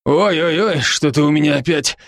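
An actor playing a boisterous, teasing male werewolf friend in an audiobook, with brash rapid-fire banter. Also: fairly high pitch, fairly bright tone, no room sound. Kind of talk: audiobook character voice.

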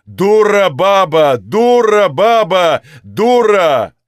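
A man voicing an irritable old male landowner who shouts in slow, heavy bursts, in a dry recording. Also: on the low side, very animated, slightly rough, no room sound, pitched below the performer's own voice, heavily acted. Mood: furious shouting.

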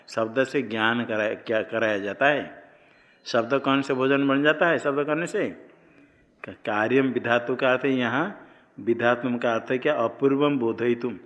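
A man's voice: medium pitch, a bit bright, highs cut off. A man teaching Sanskrit grammar as a classroom lecture, explaining step by step and asking questions that he then answers himself. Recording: long reverb of a lecture hall.

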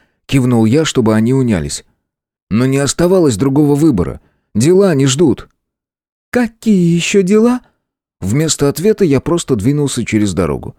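Low, dark male audiobook narrator. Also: dry recording, studio quality. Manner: lively expressive reading. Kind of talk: first-person audiobook narration.

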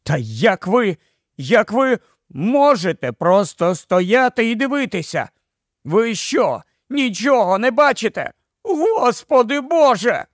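A man voicing a panicked middle-aged man who shouts and pleads desperately. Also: sits high, big pitch swings, takes it slowly, dry recording, clean studio sound, pitched above the performer's own voice, heavily acted. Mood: frantic.

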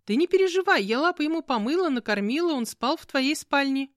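A woman voicing a sweet, fussy young girl who talks in bright, chirpy exclamations. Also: high-pitched, lively intonation, brisk, no room sound, clean studio sound, voice pushed up. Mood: cheerful.

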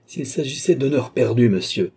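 A man's voice: medium pitch, lively intonation, a little slow, slightly rough. A man reading an audiobook, voicing a proud young noblewoman who is furious and contemptuous. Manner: shouting, raging, contemptuous. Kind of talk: audiobook character voice.

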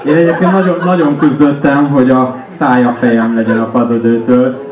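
A man's voice: medium pitch, fairly even intonation, a crowd in the background, background noise. Man, wry and rambling, thin phone-like sound in a roomy space. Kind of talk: casual mocking chat.

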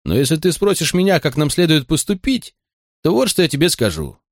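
A surly frontier deputy who grumbles and threatens with lively swings of pitch, as a male reader plays him. The recording is dry and close. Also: brisk, no echo, full character voice. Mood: grumbling suspicious. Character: grumbling suspicious frontier deputy, hostile man.

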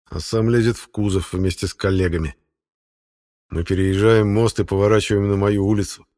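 Low-voiced man narrating an audiobook. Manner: steady, matter-of-fact storytelling. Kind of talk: first-person audiobook narration.

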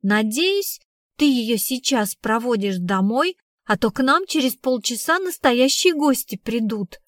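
A woman's voice: fairly high pitch, expressive, measured pace, no echo, clean studio sound. A woman reading the part of a snobbish rich mother who speaks in a haughty, scornful way. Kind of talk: audiobook reading.

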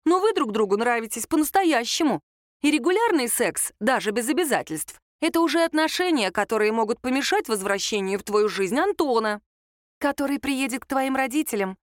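A woman's voice: on the high side, lively intonation, fairly quick, dry recording, clean studio sound, voice pushed up, close to an everyday voice. A woman reading an audiobook, voicing a sympathetic, easily amused young woman.

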